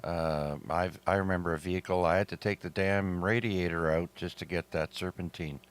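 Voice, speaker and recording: A middle-aged man from Canada hosts an amateur radio net with a low, unhurried voice. He talks casually, with plenty of fillers. His throat sounds a little sore. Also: smooth. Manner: relaxed, chatty, many fillers. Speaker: net control host.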